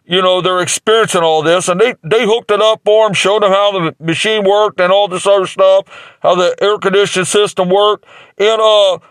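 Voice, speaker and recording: A man's voice: sits high, fairly bright tone, dry recording. A man improvising a rambling mock infomercial as a salesman, with crude jokes and lots of fillers. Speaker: comic playing a mattress salesman.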